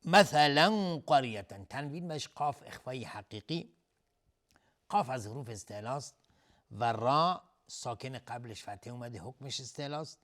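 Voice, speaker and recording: A man's voice: medium pitch, expressive, a bit bright. Man teaching Quran recitation, chanted verses. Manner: slow melodic chanting of verses, then brisk explanations; repeats sounds to drill pronunciation. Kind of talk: tajweed lesson, explaining and reciting. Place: TV studio.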